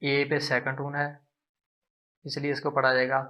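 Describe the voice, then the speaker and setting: A man from Pakistan teaches a language lesson, explaining slowly and patiently and repeating syllables to show how they sound. His mid-range voice is monotone yet bright and forceful.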